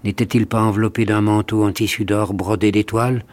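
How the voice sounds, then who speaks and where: A sorrowful beggar woman from a fairy tale, a mother begging for her lost son, as a man reading the story voices her. The voice stays low and level, close to the reader's own. She pleads with slow, heavy sorrow. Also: level tone, darkish tone, lightly acted. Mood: pleading.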